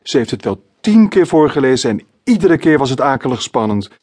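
A man narrating his own children's storybook as an audiobook, in clear, measured storytelling. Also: mid-range voice, sing-song, a little mellow, dry recording. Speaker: author reading his own book.

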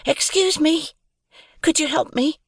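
A man's voice: very high voice, a little slow, creaky, dry recording, pitched above the performer's own voice, heavily acted. A man voicing a nervous, apologetic young woman in her twenties. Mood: anxious. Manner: soft and apologetic.

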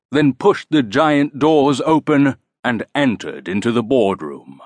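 A man narrates a storybook, his tone rising and falling with expression. He reads slowly and deliberately, in a voice a little higher than usual. The recording is close and dry. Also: no echo. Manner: slow, expressive. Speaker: audiobook narrator.

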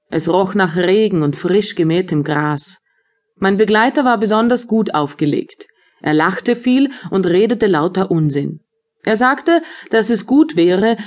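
A woman narrating an audiobook of a classic story in a calm, measured way. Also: lowish voice. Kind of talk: scripted literary narration.

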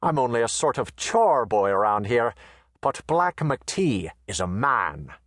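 A man doing a soft-spoken, wry frontier tough. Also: medium pitch, big pitch swings, unhurried, no echo. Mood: calm. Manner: soft-spoken, dry and understated. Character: calm, wry, dangerous male western chore boy.

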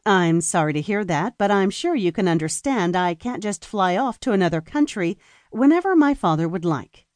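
A woman's voice: medium pitch, animated, normal speed, darkish tone, dry recording, studio quality, close to an everyday voice. A woman voicing a young female doctor, composed and stubborn, with a lilting, polite but unyielding way of speaking. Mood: resolute.

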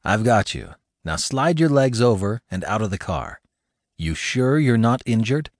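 A male narrator voicing a big, steady firefighter who talks calmly and firmly to reassure someone. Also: medium pitch, measured pace, dry recording, studio quality. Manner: calm, firm, reassuring.

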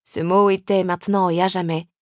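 A woman narrating a novel in the first person in a measured, expressive audiobook reading. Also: lowish voice, no room sound, clean studio sound.

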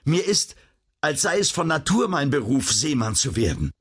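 A man voicing an earnest, hot-headed young man in a storybook, insistent and determined. His husky voice rides a little higher than plain speech, with lively swings of pitch. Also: moderate pace, full character voice.

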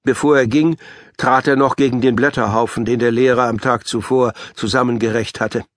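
A man's voice: mid-range voice, steady tone, normal speed, no room sound, clean studio sound. Man reading a children's audiobook. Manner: first-person storytelling as a schoolgirl. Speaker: audiobook narrator. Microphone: studio microphone.

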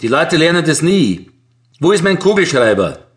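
A pompous postmaster who scolds loudly in a raised voice, played by a male audiobook reader. His voice leaps up and down with smug energy. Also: fairly high pitch, animated, normal speed, voice pushed up. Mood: scolding, mocking. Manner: loud, scolding.

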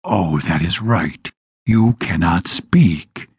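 A man voicing a cruel, savage male demon who hisses and taunts slowly. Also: low-pitched, darkish tone, husky, no echo, dull audio, pitched below the performer's own voice, full character voice. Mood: taunting. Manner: hissing, slow and taunting.

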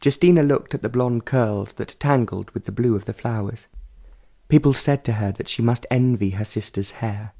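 A man reading a romance novel aloud as an audiobook narrator, in a calm, even storytelling way. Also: medium pitch, normal speed, creaky. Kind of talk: scripted narration.

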